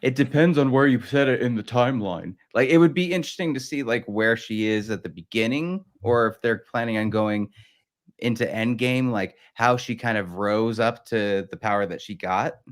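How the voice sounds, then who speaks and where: A man's voice: mid-range voice, normal speed. Wry, joking man chatting as a guest. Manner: jokey, wry, laughs often. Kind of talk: casual chat.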